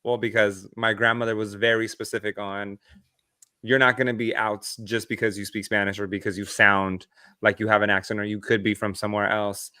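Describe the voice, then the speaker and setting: A man co-hosting a podcast, telling animated stories in casual chat and swearing freely. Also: fairly low pitch, brisk, smooth, dry recording, clean studio sound. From United States. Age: adult, past his early twenties. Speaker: podcast co-host.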